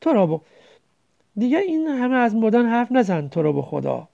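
Brief: reader doing a fretful village wife, anxious and pleading, gravelly dark tone. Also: mid-range voice, big pitch swings, highs cut off. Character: worried poor village wife.

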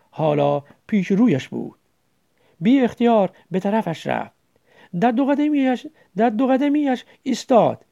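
Gravelly woman reading a story aloud. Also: mid-range voice, dark tone. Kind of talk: scripted story narration. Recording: dull lo-fi recording.

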